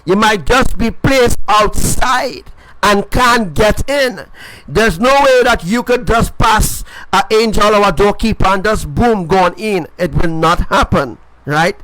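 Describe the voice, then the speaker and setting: High-voiced man preaching emphatically. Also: measured pace, fairly bright tone, dry recording, poor audio. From Caribbean. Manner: repetitive, emphatic, asks "right?" often. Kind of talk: informal sermon.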